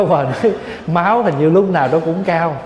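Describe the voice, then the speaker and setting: A man's voice: a little high, moderate pace, heavy background noise. A Vietnam-born male Buddhist monk in his forties gives a dharma talk in a folksy, humorous way, slipping in English words. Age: 40s. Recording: dull, echoey hall sound.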